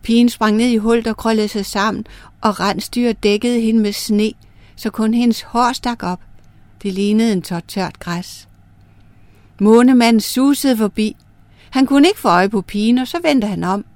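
A woman narrating folk myths as a storyteller, in a lively, clear way. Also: fairly high pitch, no room sound.

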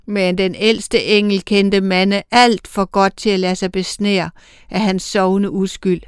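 Smooth-voiced woman reading a story. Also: mid-range voice, level tone, no room sound, studio quality. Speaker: narrator.

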